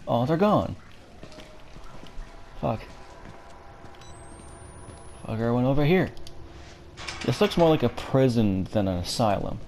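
A man's voice: mid-range voice, lively intonation, a little slow, long pauses, warm tone. A man with a dry throat streaming a horror game, uneasily muttering and swearing at the characters as he comments casually. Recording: faint background game ambience noise.

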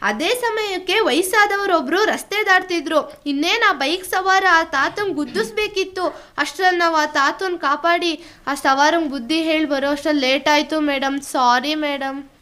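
A schoolgirl who comes in late to class, played by a girl. Her voice is very high and bright. She explains herself to the teacher. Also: normal speed. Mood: apologetic.

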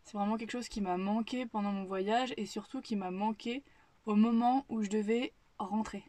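A woman's voice: medium pitch, fairly even intonation, moderate pace, mellow, dry recording. A young woman from the Paris region chatting casually to camera in her kitchen, thinking aloud with frequent restarts. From Paris region, France. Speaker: vlogger. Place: home kitchen, indoors.

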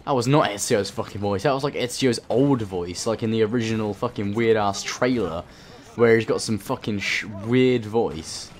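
A man's voice: fairly low pitch, normal speed. A man hosting a let's play, rambling and swearing through his gameplay commentary. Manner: swearing, rambling, self-talking. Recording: voice under game noise.

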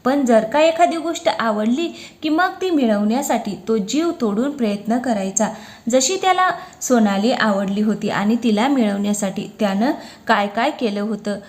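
A woman with a fairly high, light voice reading a romantic story aloud. She narrates in an expressive storyteller's manner, shifting easily into dialogue. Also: moderate pace.

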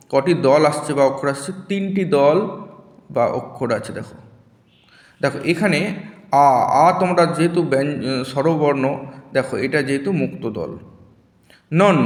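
Patient male teacher in an echoey room. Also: mid-range voice. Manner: patient, repeats words and sounds slowly. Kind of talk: classroom lesson. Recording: echoey room with long reverb.

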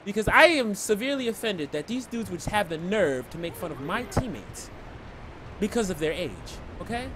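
High-pitched male streamer, animated and brash, loud taunting commentary over a noisy line. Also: moderate pace. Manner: brash trash talk with shouted taunts. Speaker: game streamer. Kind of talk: live gameplay commentary.

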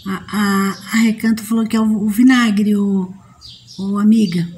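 A woman's voice: mid-range voice, fairly even intonation, a little slow, a little mellow, a little hiss or hum. A woman with a Brazilian Portuguese accent hosting a casual live stream from home, chatting with viewers and reading their comments aloud. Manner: chatty and homely, talks straight to viewers as friends. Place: at home near her potted plants. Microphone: phone streaming live.

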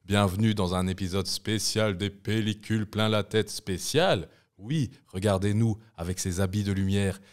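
Young man, very low voice, playful podcast co-host, sings snatches of songs, studio. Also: normal speed, hardly any pauses. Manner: playful, breaks into snatches of song. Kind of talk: casual podcast chat.

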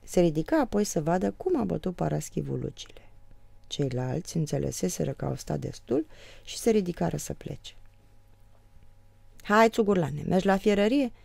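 Low, gravelly woman reading a novel. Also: no room sound. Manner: lively, varies voice for characters. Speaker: audiobook reader.

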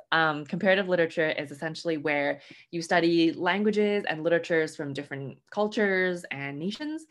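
A young woman from Hong Kong presenting an online webinar lecture, friendly and full of "um" fillers. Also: sits low. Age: young adult. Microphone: webcam mic at home, video call.

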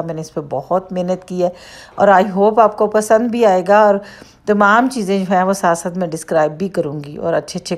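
A woman's voice: on the low side, darkish tone. A woman with a Pakistani Urdu accent, a makeup artist who talks through each step of a bridal look in a chatty tutorial voice-over. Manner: chatty, explains each step as she goes.

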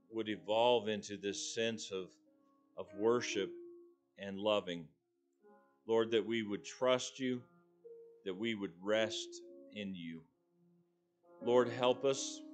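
A middle-aged man preaching a sermon from a church pulpit, earnest and deliberate, pausing between phrases. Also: fairly low pitch. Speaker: pastor.

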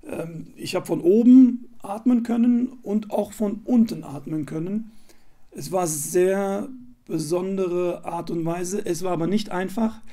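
A man speaks in a fairly high yet mellow voice, pausing often and reaching for words. He talks about his experience casually, with lots of filler sounds, as a retreat participant. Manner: hesitant, searching for words with many fillers. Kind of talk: casual spoken testimonial.

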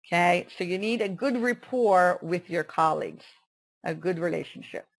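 A woman teaching an online English lesson, saying vocabulary slowly and carefully and saying "okay" often. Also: on the low side, creaky. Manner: slow, careful pronunciation drills with many "okay"s.

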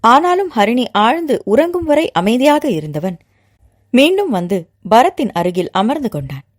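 A woman narrator reading a novel aloud in an expressive storytelling manner. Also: on the high side, moderate pace.

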